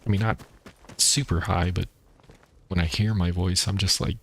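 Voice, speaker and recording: A man streaming a video game, talking in a rambling, casual way with a deep voice and explaining things between plays. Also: steady tone, normal speed, a bit bright, a little hiss or hum. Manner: rambling, explains while playing, many fillers. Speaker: gaming streamer. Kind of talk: casual gameplay chat. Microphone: streaming microphone.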